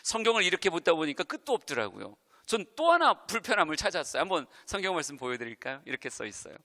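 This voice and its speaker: A middle-aged male pastor giving a lively revival sermon, acting out quotes and talking straight to the congregation. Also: on the high side, fast talker. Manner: animated, acts out quotes, chats with the congregation. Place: church sanctuary. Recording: long church hall reverb.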